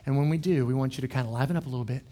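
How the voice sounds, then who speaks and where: A man voicing a hyped-up male radio DJ with smooth, peppy on-air patter. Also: medium pitch, rapid-fire, warm tone, voice pushed down, close to an everyday voice.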